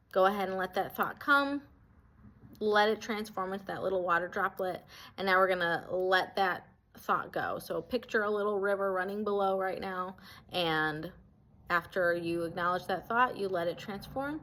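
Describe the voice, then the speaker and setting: A woman with a mid-range voice guides a body scan meditation as an instructor, speaking gently and reassuringly in a way that gives permission.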